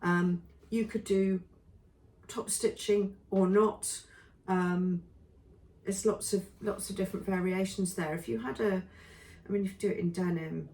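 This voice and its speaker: A woman reviewing sewing patterns in a chatty, casual way with lots of ums, her voice going hoarse. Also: mid-range voice, steady tone, a little slow, darkish tone, reverberant, recorded from a distance. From England. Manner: chatty, many ums and trailing lists. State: losing her voice. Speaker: sewing vlogger.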